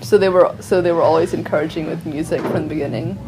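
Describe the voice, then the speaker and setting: A woman's voice: deep voice, quick pace, over loud music. A woman from Hong Kong interviewing a guest in a chatty way, full of fillers. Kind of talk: casual interview chat. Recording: noisy background.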